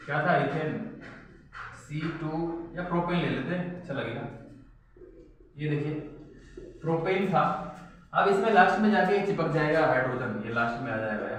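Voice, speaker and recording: A man's voice: fairly high pitch, a bit bright, slight background noise. A man teaching a chemistry lesson at a board, asking the class questions and answering them himself. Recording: very echoey room, mic far off.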